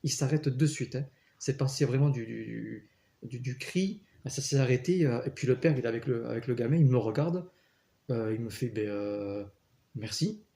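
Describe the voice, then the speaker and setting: A man's voice: mid-range voice, moderate pace, creaky, warm tone. A man casually telling personal stories, earnest, with many fillers and restarts. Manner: earnest, storytelling. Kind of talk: casual spoken testimony.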